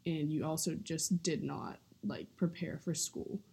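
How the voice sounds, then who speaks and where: A young woman chats casually on a podcast, speaking with vocal fry and a steady stream of "like." Her voice sits a little low, slow and unhurried, with a soft, dark, slightly husky color. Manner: vocal fry, heavy use of "like". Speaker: podcast co-host. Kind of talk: casual chat.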